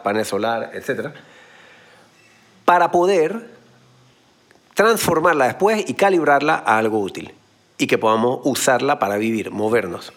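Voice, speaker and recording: A man gives a motivational talk in a husky, slightly rough voice. His pitch swings widely and keeps the delivery lively. He explains his points through everyday analogies and blunt slang. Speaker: motivational speaker.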